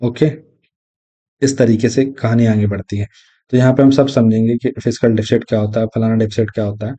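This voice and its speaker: A man teaching an exam lesson, explaining step by step and repeating key terms, reading definitions slowly. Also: on the low side, little pitch movement, mellow. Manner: reads English definitions slowly. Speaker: exam tutor. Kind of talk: recorded lecture. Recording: dull lo-fi audio.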